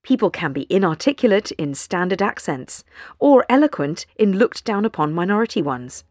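A woman narrating a scripted news essay with a measured, wry delivery. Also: mid-range voice, very animated, darkish tone, dry recording, studio quality. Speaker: journalist reading an essay.

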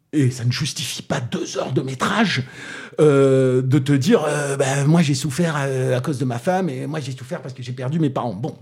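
A man with a Toulouse accent reviewing a film in casual chat, hesitant with many fillers and restarts, but animated in his critique. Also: mid-range voice, breathy edge.

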